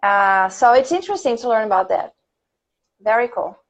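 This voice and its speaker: This English teacher from Brazil, a native Portuguese speaker with a Brazilian accent, runs a relaxed conversation class over a livestream. Her fairly high voice is expressive at a moderate pace, and she chats, laughs a lot and fills pauses as she thinks aloud.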